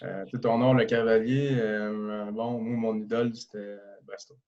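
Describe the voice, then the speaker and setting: A man in his thirties with a Québécois French accent, talking casually as a podcast guest, relaxed and hesitant with many fillers and restarts. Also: on the low side, normal speed, dull audio. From Quebec. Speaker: guest, professional hockey player.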